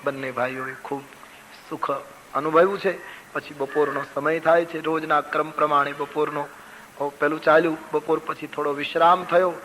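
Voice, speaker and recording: A man's voice: on the high side, fairly even intonation, moderate pace, fairly bright tone, slight background noise, rough recording. Older man preaching a sung sermon. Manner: storytelling with sung verses and chanted calls. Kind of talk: Ram Katha sermon.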